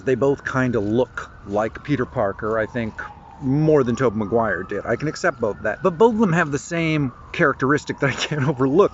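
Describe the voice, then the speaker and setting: A man's voice: mid-range voice, lo-fi sound, slight background noise. A man rambling bluntly through a casual vlog monologue on a morning walk with his dog outdoors. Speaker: vlogger.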